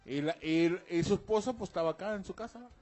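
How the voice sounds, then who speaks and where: A man co-hosting a radio comedy show, loud and slangy, laughing easily as he tells jokes. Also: high-pitched, quick pace, faint music behind. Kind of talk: joking banter and joke telling.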